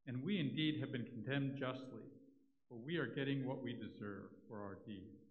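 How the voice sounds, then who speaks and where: A man's voice: mid-range voice, moderate pace, lightly acted. Man reading as penitent criminal, thin echoing sound. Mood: earnest, penitent. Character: repentant condemned criminal, humble and earnest man. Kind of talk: dramatic scripture reading in church. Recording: thin phone-like church PA, heavy echo.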